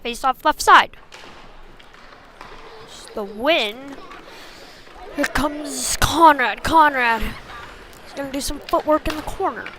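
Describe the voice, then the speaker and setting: Her high-pitched voice sounds pushed and bright as she slowly calls a youth ice hockey game, pausing often between short, colloquial phrases. This woman is an informal play-by-play commentator at the rink, heard on an amateur livestream with faint background noise.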